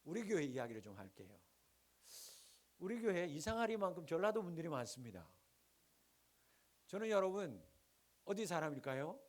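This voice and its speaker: A middle-aged male pastor from the Gyeongsang region, preaching with rhetorical questions and sharp swings between loud and hushed lines. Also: a little high, sing-song, normal speed, pauses often. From Gyeongsang region, Korea. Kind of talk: sermon.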